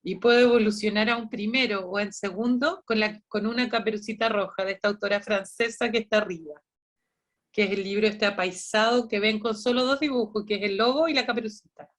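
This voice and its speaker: A woman's voice: mid-range voice, steady tone, a little fast. A woman, a librarian running an online training session for volunteer storytellers, explaining in a chatty way with many restarts and quoted dialogue.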